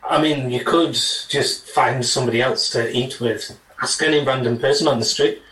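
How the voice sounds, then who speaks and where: A man's voice: mid-range voice, steady tone, normal speed, a bit bright, echoey room, far from the mic, rough recording. A man, co-hosting a podcast with dry, teasing casual chat. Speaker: podcast co-host.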